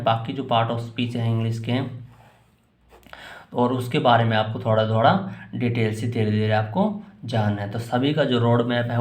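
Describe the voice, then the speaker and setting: Hindi-accented male teacher in an echoey room. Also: medium pitch. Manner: rambling, repeats and restarts phrases. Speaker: English teacher. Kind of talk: casual spoken lesson answering student questions.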